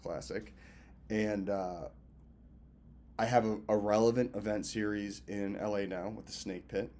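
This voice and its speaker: Fairly low and dark in tone, the voice stays steady and unhurried. It belongs to a Massachusetts man in his twenties, a filmmaker and event host, who casually rambles through a hotel birthday check-in vlog, swearing plenty and treating his audience like friends.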